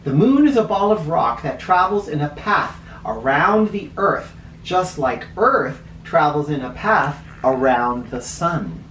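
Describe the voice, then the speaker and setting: A man with a medium-pitched, fairly bright voice reads a children's picture book aloud with lively intonation at a measured pace, hardly pausing. He explains as he goes and slips into informal teaching asides. The distant mic sits a little way off in a roomy, echoey space, with faint noise beneath.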